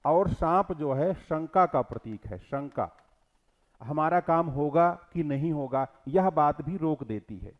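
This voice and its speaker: A male teacher giving an exam-prep lecture on scripture, asking rhetorical questions and quoting verses, his voice swinging between loud and soft. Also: on the high side, animated, takes it slowly, muffled recording.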